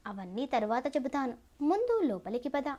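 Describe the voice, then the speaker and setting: A woman's voice: sits high, very animated, normal speed, warm tone, highs cut off. A woman voicing a scared, protective middle-aged mother in an audio story, urgent and insistent. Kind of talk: storybook narration.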